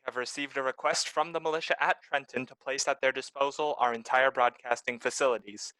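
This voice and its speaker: A man's voice: mid-range voice, fairly even intonation, fairly quick, bright, forceful tone, natural voice, poor audio. A young man acting a solemn broadcasting executive making a formal statement in a radio drama. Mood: solemn, official. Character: solemn broadcasting company vice president. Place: room at home. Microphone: headset.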